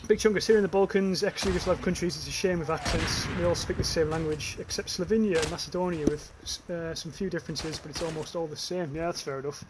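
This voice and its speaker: A young adult streamer from northern England commentates his gameplay livestream casually, swearing offhand and reading out chat comments. His voice is a little high and he talks fast with hardly any pauses over a noisy background.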